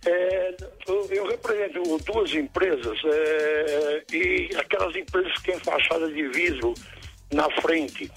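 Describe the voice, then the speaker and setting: A man's voice: on the high side, takes it slowly, vocal fry, fairly bright tone, breathy edge, soft background music. A man calling in over the phone to a live radio show, telling his complaint plainly and repeating himself. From São Paulo. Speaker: listener caller. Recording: distant phone line on air.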